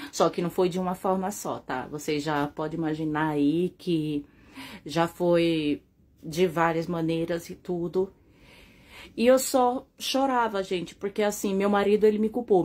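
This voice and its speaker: Speaking with a Brazilian accent in a lowish, somewhat mellow voice, a mother earnestly recounts her own family story. She talks straight to viewers, often adding tag questions to check in.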